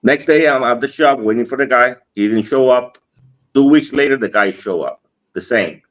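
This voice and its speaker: A man's voice: medium pitch, normal speed, a bit bright. A man from the Dominican Republic with a Dominican Spanish accent, telling a story casually, acting out the dialogue and often laughing. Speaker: cigar industry guest. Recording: dull lo-fi stream audio.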